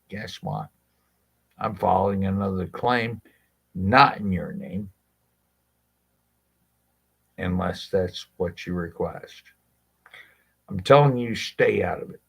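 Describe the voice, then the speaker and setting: A man's voice: sits low, creaky, breathy edge. A man, a legal rights advocate, speaking directly to his viewers in a blunt, impassioned monologue, swearing freely and asking rhetorical questions.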